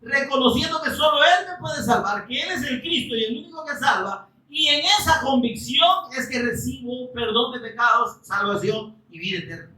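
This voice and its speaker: Fervent preacher, bright cutting voice, rhetorical questions, sudden shouts, heard off-mic in a roomy hall. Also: sits high, moderate pace, few pauses, far from the mic. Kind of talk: Spanish-language sermon.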